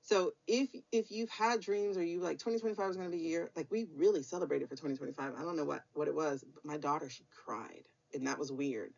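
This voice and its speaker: Low-pitched and creaky with a darkish tone, this American woman rattles through her weekly tarot reading fast, barely pausing. She keeps it casual, blunt and upbeat, throwing in some light swearing as spiritual guidance. It's captured on a dull, lo-fi recording.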